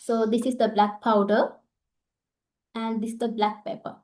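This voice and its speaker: A woman with a Sri Lankan accent and a somewhat high voice teaches in an informal way. She speaks haltingly, as a doctor explaining her field to listeners. She often checks in with little tag words as she goes. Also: level tone, a little mellow. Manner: halting, checking in with "right?" and "okay". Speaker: Ayurvedic doctor giving a talk. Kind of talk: informal instructional online talk.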